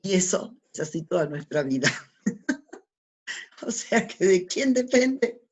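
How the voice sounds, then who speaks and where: A woman's voice: on the low side, big pitch swings, slow pace, darkish tone, slightly rough. A woman gives a lecture with slides as a spiritual teacher. She teaches didactically, asks rhetorical questions and answers them herself, and often adds tag questions.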